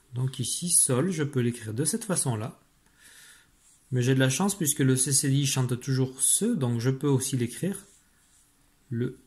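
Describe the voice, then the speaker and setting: Here a man with a medium-pitched, darkish, breathy voice teaches primary school spelling. During the dictation lesson he talks straight to the pupil, patient and methodical.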